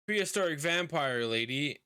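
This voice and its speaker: A man's voice: on the high side, animated, moderate pace, bright, forceful tone, clean tone, no room sound, clean studio sound. A man hosting a casual podcast chat over a voice call, rambling with lots of fillers. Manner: rambling, filler-heavy talk. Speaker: podcast host. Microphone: computer mic on a voice call.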